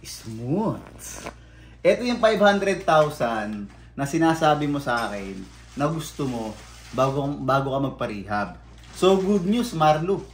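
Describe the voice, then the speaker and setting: A blunt man rants casually to his viewers and swears freely. He drops into low mumbled asides, then bursts out loud. His fairly high voice bounces around an echoey room. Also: big pitch swings, a little slow, slight background noise. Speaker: vlogger. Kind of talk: casual ranting vlog.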